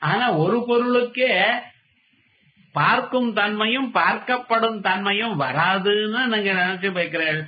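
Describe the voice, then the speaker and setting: A man with a high voice gives a spiritual discourse on a muffled, lo-fi recording. He chants verses in a slow, measured way. He then explains each one in everyday speech, full of questions he asks and answers himself. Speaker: Vedanta teacher. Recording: dull lo-fi recording.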